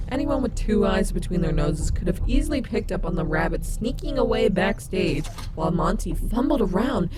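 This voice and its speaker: A woman's voice: lowish voice, very noisy, natural voice. A woman voicing a sassy, easily annoyed animatronic wolf rockstar in an audio roleplay, with a sarcastic, exasperated, dramatic manner.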